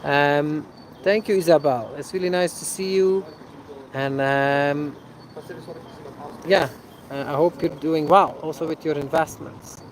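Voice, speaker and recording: Casual livestream host, a touch high-pitched, thinks aloud hesitantly, faint street noise behind. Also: male voice, steady tone, a little slow, long pauses, low-quality recording. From Belgium. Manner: hesitant, many fillers, ends sentences with a tag "eh?". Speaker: livestream host answering viewer questions. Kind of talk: casual live Q&A.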